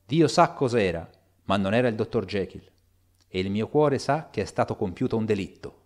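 A man's voice: lowish voice, animated, normal speed, close to an everyday voice. A man voicing an elderly, frightened and loyal male butler in a spoken audiobook, with an urgent, pleading delivery.

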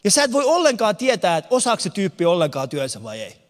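A man's voice: sits high, huge pitch swings. A man doing stand-up comedy, telling a story and acting out the other people's lines, who moved to the country in 1991. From abroad, moved to Finland in 1991. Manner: storytelling, acts out characters' lines. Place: large concert hall with no audience. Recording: long hall reverb.

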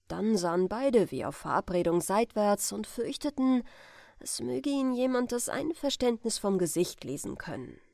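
A woman reading a classic adventure story aloud as a bedtime audiobook, calm and expressive. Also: mid-range voice, no echo, studio quality. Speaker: audiobook reader.

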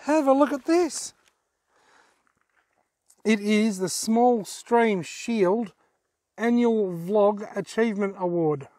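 An enthusiastic Australian fishing vlogger in his forties hosts casual talk to camera from a dirt track in bushland. His voice sits high and a little mellow, he takes it slowly with long pauses, and the recording is dry.

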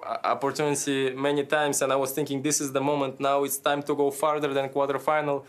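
A tennis player in his twenties, heard over a head-and-shoulders remote video link from a press room, discusses the match he just played in a post-match interview. He talks fast in a monotone, medium-pitched voice, hunting for words, restarting sentences and laughing as he goes.

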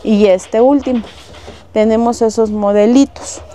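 Mellow-voiced Mexican saleswoman. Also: a little high, fairly even intonation, measured pace. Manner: lists wholesale prices, fond of diminutives. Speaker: shop saleswoman. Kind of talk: casual product showcase. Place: shop indoors.

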